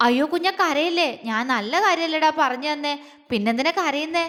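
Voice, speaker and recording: A woman playing a teasing older husband, stern one moment and doting the next, in a bright high voice. The reading rings out with a long reverberant tail. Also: animated, brisk. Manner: teasing, scolding, then coaxing.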